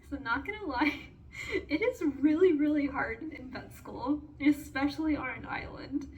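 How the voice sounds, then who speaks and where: A woman's voice: high-pitched, moderate pace, low-quality recording. A woman in her twenties, a veterinary student, talks casually and candidly to the camera in a diary-style vlog, with frequent "um" and "like".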